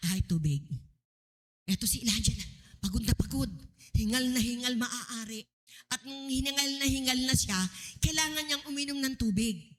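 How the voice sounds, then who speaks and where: Animated Filipina woman preaching. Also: fairly high pitch, long reverb tail. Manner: animated, acting out voices in quotes. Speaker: pastor. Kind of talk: sermon.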